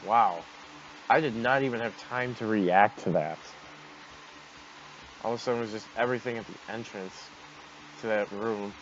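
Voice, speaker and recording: A man's voice: on the low side, moderate pace, pauses often. A man giving casual commentary as he hosts a gameplay video. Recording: dull noisy home microphone.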